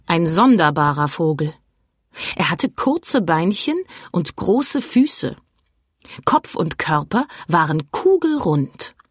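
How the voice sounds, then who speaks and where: Woman, storybook narration, slow pace, lively pitch, lowish voice, dry sound. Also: breathy edge, no room sound. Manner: slow, lively, expressive reading. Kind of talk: scripted children's story narration.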